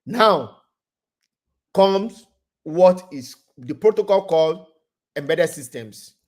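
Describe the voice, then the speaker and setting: Give me a man speaking remotely on a video call as a guest presenter, delivering a webinar lecture in a halting way and often repeating words as he restarts. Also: fairly high pitch, animated.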